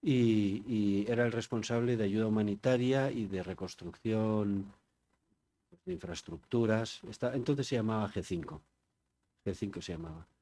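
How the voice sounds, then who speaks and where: An older man from Spain with a lowish, warm voice speaks at normal speed. He's a conference speaker giving an informal public talk, chatty and digressive, often turning to the audience with questions.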